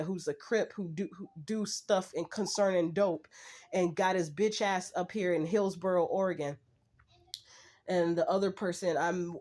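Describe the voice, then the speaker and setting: A woman's voice: on the low side, a little mellow. A woman ranting to her vlog audience in a profane, heated, blunt way. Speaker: channel host. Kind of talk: angry personal rant vlog.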